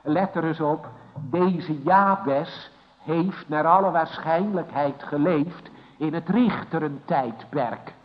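A man preaching a sermon in a church, solemn and emphatic, asking his listeners rhetorical questions, his loudness rising and falling. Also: fairly high pitch, slow pace. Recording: lo-fi recording with long church reverb.

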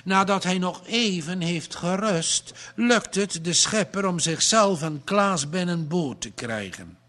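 Slow, dramatic male storyteller. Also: high-pitched, lively intonation, fairly bright tone. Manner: slow, dramatic read-aloud delivery. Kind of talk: storybook narration.

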